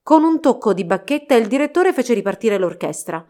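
A woman narrating a fairy tale storybook in a steady, expressive reading. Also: fairly high pitch, fairly quick.

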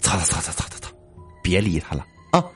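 A man's voice: deep voice, big pitch swings, brisk, husky, soft background music, voice pushed down, full character voice. A man voicing a crude male college student who swears freely and bosses people about impatiently. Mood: annoyed grumbling. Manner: swears a lot, bossy and impatient.

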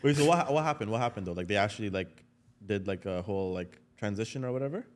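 A man's voice: fairly low pitch, animated, fast. A young man with an urban Toronto accent chatting casually in teasing street slang. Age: young adult. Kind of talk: casual chat.

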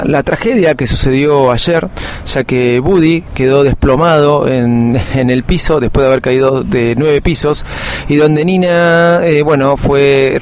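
A man's voice: mid-range voice, slight background noise. A middle-aged man with an Argentine accent hosting a podcast in a casual, rambling monologue full of anecdote. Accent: Argentine Spanish. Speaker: podcast host.

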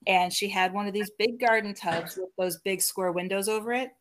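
A woman's voice: medium pitch, normal speed, a little hiss or hum. A woman guest on a podcast, casually telling stories about her paranormal work and laughing often between sentences. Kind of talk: casual storytelling interview.

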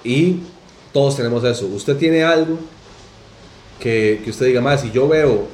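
A man's voice: mid-range voice, unhurried, darkish tone, reverberant, a little hiss or hum. A Costa Rican man with a Costa Rican accent, chatting casually as a podcast co-host and telling slangy stories. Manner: slangy, storytelling, laughs often. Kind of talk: casual chat.

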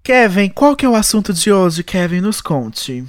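A man's voice: sits high, sing-song, moderate pace, loud music behind the voice. A Brazilian man hosting a podcast in a casual, campy, effusive and theatrical way. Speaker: podcast host. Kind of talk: casual chat.

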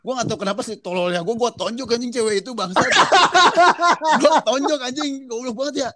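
High-voiced young man, swears nonstop. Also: quick pace. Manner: swears constantly, lively and self-mocking while telling an embarrassing childhood story. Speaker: storyteller in a casual chat. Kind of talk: casual chat.

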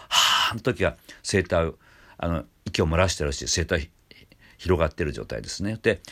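Low-voiced older male voice coach. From Japan. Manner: explains calmly, breaking off to demonstrate sounds; frequent fillers and restarts. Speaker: voice trainer. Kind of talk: vocal lesson with demonstrations.

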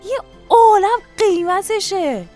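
A boastful, scheming country father, read by a woman who talks like an eager salesman. His voice sits fairly high and carries over faint background music in a storybook reading. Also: lively intonation, natural voice. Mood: coaxing.

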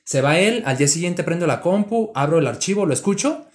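A man's voice: fairly high pitch, animated, fairly quick. A young man with a Mexican accent, a rapper chatting casually in an interview and peppering his talk with slang. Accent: Mexican Spanish.

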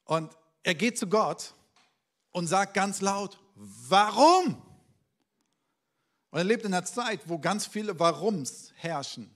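German pastor preaching with dramatic swings. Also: male voice, sits high, unhurried. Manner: dynamic preaching, swinging between loud outcries and quiet, hushed asides; addresses the congregation directly with questions. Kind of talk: sermon.

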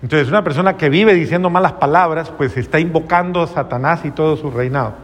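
A man's voice: fairly high pitch, quick pace, in a large hall. A man, a priest, delivering an earnest, moralizing sermon full of rhetorical questions.

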